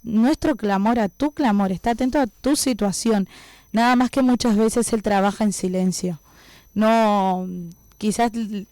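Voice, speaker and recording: Young woman, warm mellow tone, dry close sound; casual preaching with lots of tag questions. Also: mid-range voice, no room sound. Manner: conversational, frequent tag questions. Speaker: radio preacher.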